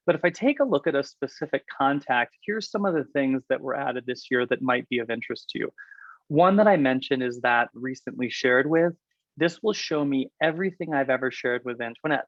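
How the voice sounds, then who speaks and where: A man presenting a software walkthrough on a webinar, talking quickly and chattily with some fillers. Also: medium pitch, no echo, highs cut off. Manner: fast, chatty, explanatory with fillers. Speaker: product presenter.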